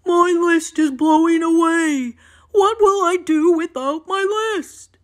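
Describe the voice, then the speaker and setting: A woman's voice: medium pitch, very animated, slow, voice pushed up. A woman voicing a fretful, literal-minded male toad who is easily upset, in a children's storybook read-aloud. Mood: panicked, wailing.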